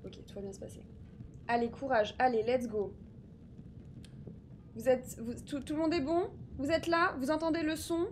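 A woman streaming live, chatting excitedly with her viewers while fixing her setup. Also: sits high, moderate pace, long pauses, slight background noise. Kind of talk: live gaming stream chat.

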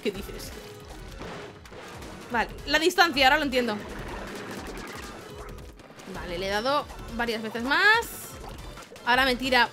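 A woman from giving excitable let's-play commentary, shrieking and laughing as she plays. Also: on the high side, a little slow, pauses often. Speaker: gaming YouTuber. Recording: game music loud under the voice. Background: game music.

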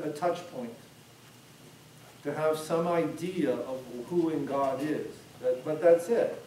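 A man's voice: fairly high pitch, darkish tone, slight background noise. A middle-aged man, a priest, teaching a class in a conversational, rambling way with frequent restarts. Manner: conversational, discursive, many restarts. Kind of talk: informal classroom lecture. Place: church hall classroom. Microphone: far camera. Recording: echoey room from far off.

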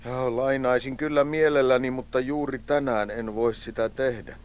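A man's voice: mid-range voice, steady tone, natural voice. An actor playing a mocking know-it-all boy who laughs at and talks down to a friend. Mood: teasing. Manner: teasing, laughing, condescending.

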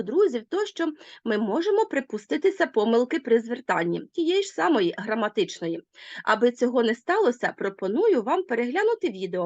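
A woman's voice: fairly high pitch, no echo, dull audio. A woman teacher explaining grammar in a lesson, speaking emphatically.

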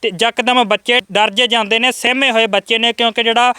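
Bright-voiced reporter. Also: male voice, very high voice, little pitch movement, fairly quick, smooth, no echo. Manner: soft-spoken, polite questioning. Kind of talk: field interview and appeal to viewers.

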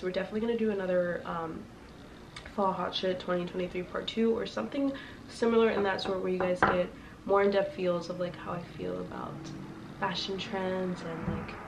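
Her voice fairly low, brisk and creaky, a young fashion vlogger who is sick and congested talks casually with her viewers. She rambles and uses lots of fillers, while a slightly distant mic picks up faint noise.

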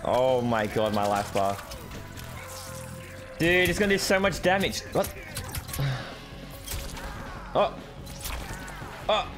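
Excitable man yelling over a fighting game. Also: medium pitch, slow pace, pauses often. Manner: excitable, yelling reactions and groans. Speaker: gaming video host. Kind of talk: live gameplay commentary. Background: game music.

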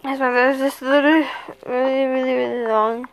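High-voiced woman chatting over gameplay. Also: little pitch movement, normal speed, a little hiss or hum, rough recording. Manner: chatty and rambling, with trailing sentences. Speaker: vlogger. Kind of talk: casual gameplay commentary.

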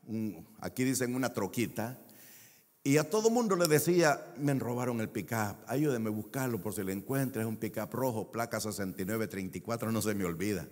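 A man's voice: fairly low pitch, big-room sound. A man preaching a sermon as a pastor, stretching key words for emphasis and telling a personal story. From El Salvador.

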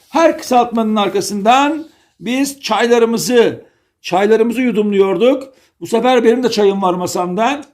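A man from Denizli teaching a grammar lesson in a playful way, repeating key words and spelling out rules. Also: very high voice. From Turkey, Denizli.

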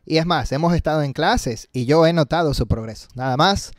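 Guy teaching english in spanish, upbeat and chatty, tossing in english words, higher voice, dry close sound. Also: a little fast, dry recording. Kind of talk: casual online lesson.

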